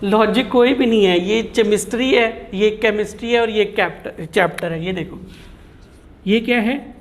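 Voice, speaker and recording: A man's voice: sits high, normal speed. A man giving a chatty classroom lecture, teasing his students and mixing in English terms. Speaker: teacher.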